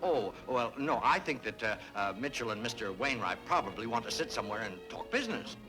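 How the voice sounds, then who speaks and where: A man's voice: mid-range voice, lively intonation, brisk, natural voice, poor audio. An actor playing a fussy older neighbor, genteel and easily flustered, hemming as he talks. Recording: old TV soundtrack with music behind.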